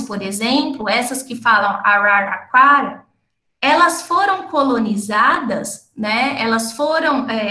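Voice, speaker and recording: A woman with a caipira accent from inner São Paulo lectures in a high voice at an unhurried pace. She explains step by step, often pausing to check in with her listeners. The recording has a roomy, echoey sound. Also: fairly bright tone. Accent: caipira, interior São Paulo Portuguese. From interior of São Paulo state, Brazil. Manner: explanatory, frequent tag questions. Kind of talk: online academic talk.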